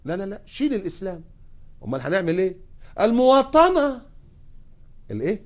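A male preacher with an Egyptian accent delivers a sermon at a rapid clip. His voice is a little higher than most men's and rises and falls sharply. He fires off sarcastic, mocking rhetorical questions. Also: animated, a little mellow. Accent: Egyptian Arabic.

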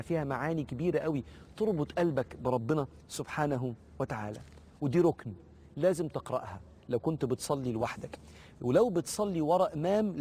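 A man with an Egyptian Arabic accent teaching a religious lesson in an earnest way, slowing down to recite verses. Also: a little high, dark tone, a little hiss or hum. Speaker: preacher.

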